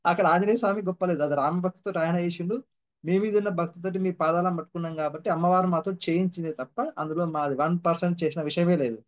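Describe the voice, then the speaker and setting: A man's voice: sits high, quick pace. A man giving a humble, earnest devotional testimony, repeating his points for emphasis. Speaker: devotee sharing his experiences.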